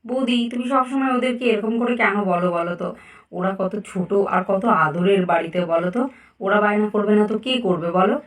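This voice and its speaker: A woman voicing a kind young aunt in a doll cartoon who coaxes gently. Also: mid-range voice, fairly quick, reverberant, recorded from a distance, close to an everyday voice. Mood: coaxing. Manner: coaxing, gentle. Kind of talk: doll story voice acting.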